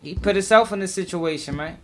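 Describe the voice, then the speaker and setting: Male commentator, high-pitched, emphatic and slangy, hammers points by repeating them. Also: fairly quick, a bit bright, a little hiss or hum. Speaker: recap commentator. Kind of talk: informal commentary.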